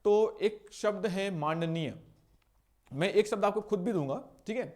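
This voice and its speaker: A young man with a high-pitched voice teaches an exam-prep lesson. He asks his own questions and answers them, and slowly repeats words to show how they are spelled and pronounced. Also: darkish tone.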